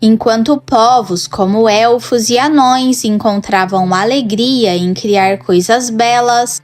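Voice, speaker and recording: A woman with a Brazilian Portuguese accent narrates a scripted lore piece, her voice sitting a little high. She takes her time, laying out each line in a measured, dramatic way. Faint music plays underneath. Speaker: lore channel host.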